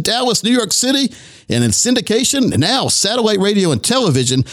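A man hosts a talk radio show with a fairly high voice that swings up and down a lot. He is chatty and laughs easily as he introduces and questions his guest. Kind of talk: talk radio interview hosting.

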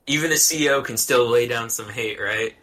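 A man's voice: medium pitch, normal speed, sharp tone. A man hosting a casual podcast, prompting his guests with questions and upbeat asides. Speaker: podcast host. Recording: dull lo-fi audio.

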